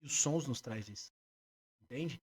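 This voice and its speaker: A man with a Brazilian Portuguese accent, a music therapist being interviewed, explaining his work in a lively way and breaking into short sung examples. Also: mid-range voice, moderate pace, breathy edge. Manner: animated, demonstrates by singing snippets.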